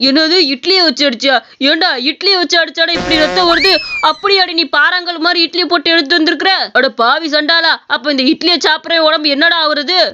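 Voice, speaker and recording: A woman's voice: very high voice, brisk, muffled recording, background noise. A woman voicing an injured passerby man who wails and accuses in a cartoon story. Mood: outraged. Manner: wailing and accusing.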